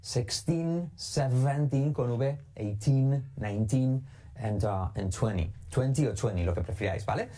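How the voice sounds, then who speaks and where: Dark-voiced man teaching English numbers. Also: medium pitch, a little slow. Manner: reads English numbers aloud and explains them in Spanish. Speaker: streamer learning English. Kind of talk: live-streamed study session.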